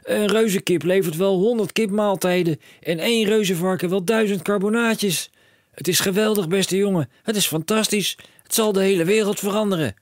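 A man doing a shrill, frantic storybook dad. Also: very animated, moderate pace, no echo, studio quality. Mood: overexcited. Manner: shouting, breathless overexcited rants. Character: excitable bellowing middle-aged father, inventor-mad. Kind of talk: audiobook character voice.

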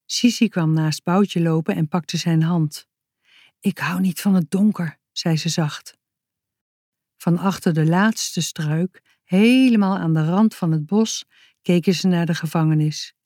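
A woman reads a children's story aloud, very slowly and calmly, in a low, mellow voice. The recording is dry and close, with no room sound. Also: no echo. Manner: calm, measured storytelling. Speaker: narrator. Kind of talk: reading a children's book aloud.

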